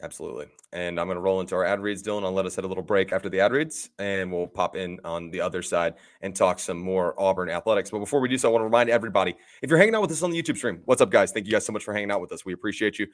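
A young man with a lilt co-hosts a sports podcast, talking fast with a fairly low voice. He rambles cheerfully, trips over his words and laughs them off. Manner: upbeat, rambling, laughs at his own stumbles. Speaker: podcast co-host. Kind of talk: casual podcast chat with ad reads.

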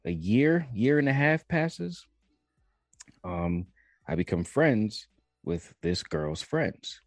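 A young man telling a personal story in a casual podcast chat, animated and laughing as he talks. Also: on the low side, slow, no echo, studio quality, faint music behind. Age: young adult. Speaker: podcast co-host.

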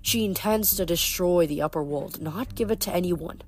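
A woman's voice: on the low side, normal speed, a little mellow, lightly acted. A woman voicing a firm, probing teenage girl. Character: earnest teenage girl heroine.

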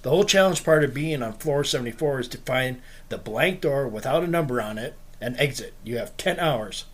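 A man's voice: mid-range voice, expressive, a little fast. Chatty, swearing male podcast host. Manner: laughs often, swears, tells stories. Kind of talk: casual podcast chat.

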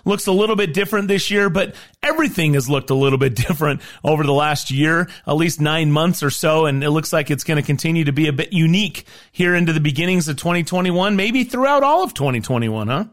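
A man's voice: fairly high pitch, lively intonation, quick pace. A man presenting on radio as a host, in an upbeat style.

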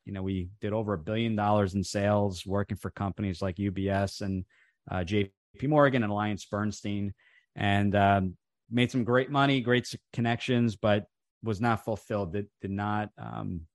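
This lowish-voiced man, recorded dry with studio quality, is a franchise coach from New Jersey, USA, whose first language was Italian. Over a video call, he describes his background in a casual interview, full of fillers and restarts.

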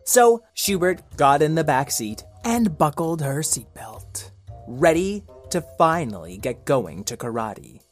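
Playful guy hosting a kids story, making it up as he goes, lively intonation, encouraging, bit of music. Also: a little high, a little slow. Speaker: host and storyteller. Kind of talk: improvised children's story narration with a child.

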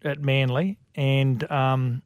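An Australian man giving opinionated sports talk as a rugby league pundit, thinking aloud in a halting way. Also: medium pitch, little pitch movement, darkish tone, no room sound.

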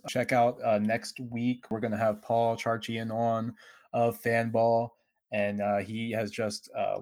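A man co-hosting a fantasy football podcast, talking casually and haltingly with many uhs. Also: lowish voice, a little mellow, dry recording, clean studio sound. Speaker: podcast co-host.

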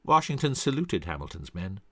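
A man's voice: low voice, big pitch swings, a little fast, sharp tone, dry recording, studio quality. A man narrating a scripted history story dramatically, acting out the voices of the people in it. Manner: dramatic, acts out quoted voices.

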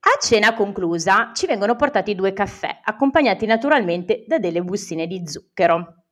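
A woman co-hosting a podcast, telling a personal anecdote in a wry, deadpan way with dry jokes. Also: medium pitch, moderate pace. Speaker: podcast co-host. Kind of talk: ironic storytelling of a personal anecdote.

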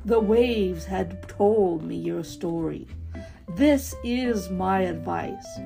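Woman doing a deep-voiced wise octopus. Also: gravelly, music in the background, full character voice. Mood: solemn. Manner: slow, solemn, lowered voice. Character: wise old female octopus, deep and calm.

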